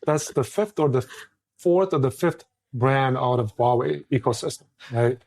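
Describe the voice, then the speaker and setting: Emphatic co-host stressing key words. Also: male voice, medium pitch, moderate pace, creaky, darkish tone. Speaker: podcast co-host. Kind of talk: casual roundtable discussion.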